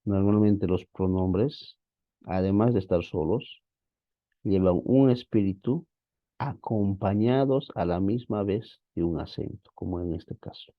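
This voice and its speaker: A man's voice: deep voice, a little slow, no room sound, muffled recording. A man teaching a biblical Greek class online, explaining patiently and calling his students brothers.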